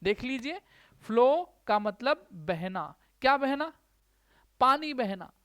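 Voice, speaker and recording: A woman teaching an exam-prep grammar lesson, repeating words slowly and asking checking questions. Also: on the high side, animated, a bit bright.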